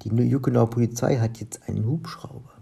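A man's voice: medium pitch, brisk, vocal fry, dark tone, breathy edge. A man voicing a boastful, easygoing male robber in a breezy, dismissive way.

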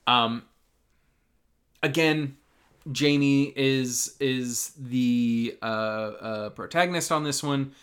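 A man's voice: mid-range voice, slow, a bit bright. A man co-hosting a podcast, recapping a film series in casual chat, rambling with many ums and restarts. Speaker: podcast co-host.

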